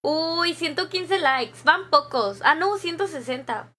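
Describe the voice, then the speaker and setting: A woman's voice: high-pitched, expressive, takes it slowly, pushed and bright, soft background music. A young Mexican woman streaming live, chatting casually with viewers and reading their comments aloud, with frequent laughs. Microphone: desk microphone.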